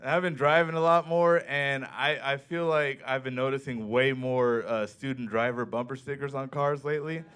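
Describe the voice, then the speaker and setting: A man doing a stand-up set in a comedy club, telling stories in a deadpan way and acting out the people he quotes. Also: medium pitch, moderate pace, hardly any pauses, smooth. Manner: deadpan storytelling with acted-out quotes.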